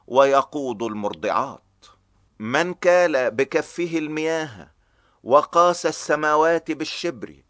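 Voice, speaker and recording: A man reading a chapter of scripture aloud in a slow, measured, grave recitation. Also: a little high, fairly bright tone, no echo. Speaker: scripture reader. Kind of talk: solemn scripted Bible reading.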